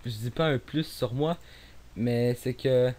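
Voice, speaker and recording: Speaking slowly at a medium pitch with a slightly mellow tone, a young Quebec man with a Québécois French accent talks casually over his own gameplay. He rambles with lots of fillers and restarts, sometimes sinking to a near mumble, and there's a faint hiss.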